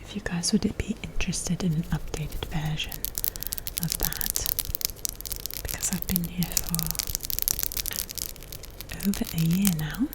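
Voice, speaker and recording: A woman with an American accent whispers softly in a casual ASMR chat, rambling and haltingly searching for her words. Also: lowish voice, steady tone, low-quality recording. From United States. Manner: soft, unvoiced whispering. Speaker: ASMR creator and host.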